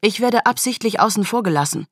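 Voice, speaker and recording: A woman's voice: medium pitch, animated, fairly quick, dry recording, studio quality, voice pushed up. A woman reading an audiobook, voicing an arrogant, easily offended male police profiler who talks in a huffy, indignant way.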